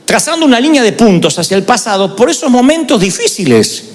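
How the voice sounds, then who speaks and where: A man's voice: very high voice, fairly quick, big-room sound. A middle-aged man preaching a sermon and mixing humor with personal stories. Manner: animated, humorous storytelling. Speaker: pastor.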